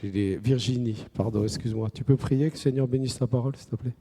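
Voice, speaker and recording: A man's voice: mid-range voice, fast, warm tone, slight background noise. A man preaching a playful children's sermon, chatting with the kids and playacting a phone call. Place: church hall. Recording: reverberant church hall.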